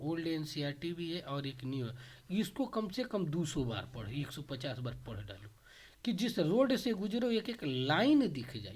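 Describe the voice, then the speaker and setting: A man teaches an informal exam-prep lesson, speaking at an ordinary middle pitch. He guides students through the syllabus step by step and keeps checking that they follow along. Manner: instructive, addresses students directly, frequent checks for understanding.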